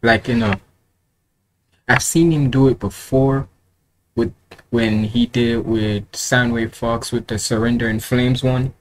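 This twentysomething reaction host rambles through casual commentary, colloquial and repetitive, taking it slowly with a steady medium-pitched voice. He's in a room at home with curtains, and background noise is noticeable on the home recording.

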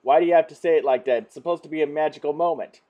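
A man reacting to memes in a casual vlog. He laughs often, swears freely and jumps from mumbling to yelling. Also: fairly high pitch, racing, lo-fi sound. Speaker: meme reviewer. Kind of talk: casual meme commentary vlog.

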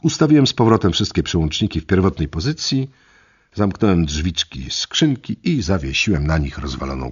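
Deep husky male audiobook narrator. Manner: dramatic reading with wide swings in loudness. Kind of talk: first-person audiobook narration. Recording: dull lo-fi audiobook recording.

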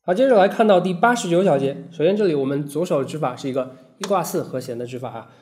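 Patient male guitar teacher, fairly high voice. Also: expressive, fast, darkish tone. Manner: patient step-by-step instruction with frequent "hao" and "ai" fillers. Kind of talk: fingerstyle guitar lesson. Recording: guitar playing between phrases.

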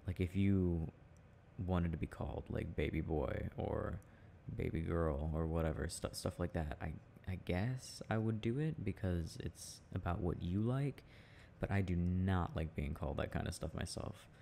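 In an intimate audio roleplay, a man plays a relaxed, teasing boyfriend chatting with his partner. His low voice has a gravelly fry, and he muses haltingly and casually, amused and chuckling, with some ambient noise behind him.

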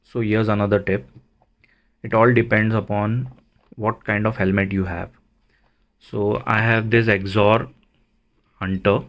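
A man giving a casual, unhurried how-to narration, explaining things plainly step by step. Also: fairly low pitch, fairly bright tone. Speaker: motovlogger, presenter.

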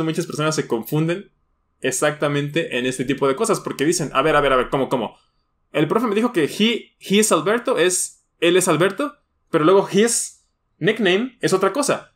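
A man with a somewhat high voice teaches beginners, breaking each point down slowly and patiently. He keeps checking in with his listeners as he goes, and keyboard typing can be heard faintly behind him. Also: fairly bright tone. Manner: patient, explains step by step with frequent tag questions. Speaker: English teacher. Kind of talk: online lesson.

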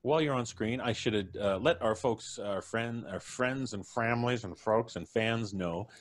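A man in his fifties with a mid-range voice hosts a live stream over a video call from an indoor room, speaking at a moderate pace. He introduces guests with a genial showman's manner while soft background music plays.

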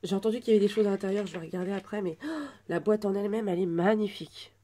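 A woman's voice: mid-range voice, rapid-fire. Gushing woman in her twenties. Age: 20s. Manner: gushing, many soft exclamations. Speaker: vlogger unboxing a birthday gift. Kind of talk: casual unboxing chat.

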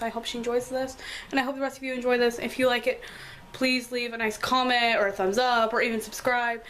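A teenage girl, hoarse from a cold, chatting apologetically with lots of fillers as she films a tour of her bedroom. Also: fairly high pitch, fairly bright tone, a little hiss or hum, low-quality recording. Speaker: vlogger. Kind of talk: casual room tour vlog. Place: bedroom at home.

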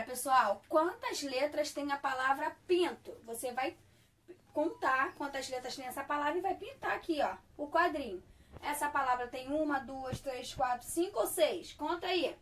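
A woman's voice: high-pitched, a bit bright, distant mic. A woman teaching a primary school class, reading workbook exercises aloud and stretching out words for young children. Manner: slow, drawn-out words for young children, checking "tá?".

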